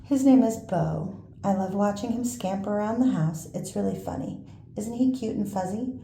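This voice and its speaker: An older woman reads a children's storybook in a grandma voice. Her tone is very mellow and dark, with a gravelly creak. She takes her time with expressive pauses and small asides, recorded in an echoey room. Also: medium pitch. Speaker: grandmother reading picture books to a baby. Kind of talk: read-aloud children's storytelling. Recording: roomy echo, faint background noise.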